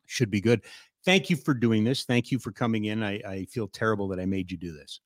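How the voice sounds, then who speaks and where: A man's voice: on the low side, brisk, no echo, studio quality. A man hosting a radio talk show, chatting casually with a guest and reading sponsor spots. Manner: joking, chatty, loose with fillers.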